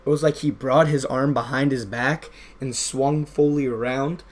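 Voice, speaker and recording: A man's voice: medium pitch, steady tone, moderate pace. A young man telling a casual, rambling story over gameplay, full of fillers. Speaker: gaming vlogger.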